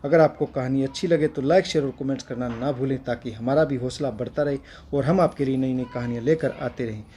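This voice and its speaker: A man narrating a family story as channel host, in a steady, earnest way. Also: mid-range voice, a little fast, a little hiss or hum.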